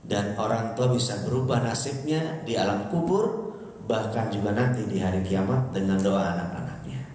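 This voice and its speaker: A man's voice: lowish voice, moderate pace, far from the mic. Man preaching in an echoey hall. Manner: lively, jokey, acts out little scenes and asks the audience questions. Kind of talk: sermon to a live congregation. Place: large echoey hall or mosque. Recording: very echoey hall, faint ambience.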